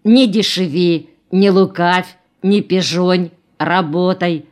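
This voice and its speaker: A woman's voice: on the low side, steady tone, takes it slowly. A woman reading the part of a moralizing, melancholy male geologist who speaks in sententious maxims, in an audiobook. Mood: preachy. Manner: sententious, preachy.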